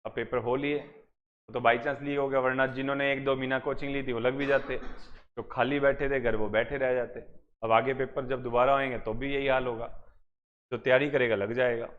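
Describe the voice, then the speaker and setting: A man's voice: mid-range voice, flat delivery, moderate pace, narrow, tinny audio. A man teaching a class in a coaching center, asking and answering his own questions as he explains. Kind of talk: classroom lecture. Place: classroom with students.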